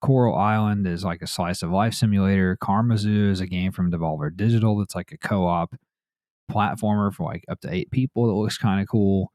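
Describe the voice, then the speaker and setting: A man's voice: low-pitched, a little fast, darkish tone, no echo, studio quality. A man hosting a gaming news podcast, reading headlines and chatting casually in a laid-back way. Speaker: podcast host.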